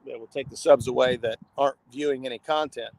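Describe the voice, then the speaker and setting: A man with a gravelly voice chatting casually and in a folksy way as he hosts an outdoor fishing livestream, sometimes reading comments aloud. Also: mid-range voice, steady tone, fast, a little mellow. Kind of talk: casual live chat while fishing. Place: outdoors on a riverbank. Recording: noisy outdoor livestream with traffic sounds.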